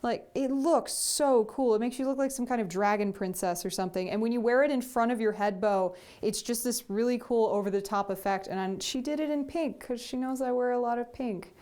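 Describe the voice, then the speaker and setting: A young woman vlogger chats casually while unboxing gifts from fans, gushing and saying "sweet" over and over. Her voice is fairly high and darkish in tone, and she talks briskly with few pauses.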